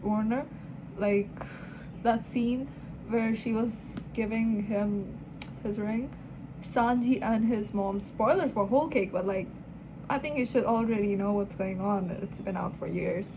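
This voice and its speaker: A woman's voice: mid-range voice, measured pace, background noise. A young woman chatting casually in a reading vlog, gushing and rambling about a book. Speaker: book vlogger.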